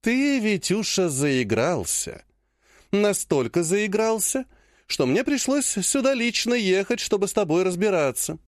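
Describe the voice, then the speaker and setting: A man voicing a powerful woman clan head who speaks in a slow, honeyed yet threatening way. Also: high-pitched, big pitch swings, no room sound, clean studio sound, pitched above the performer's own voice. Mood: honeyed menace. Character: sweetly menacing older woman clan head.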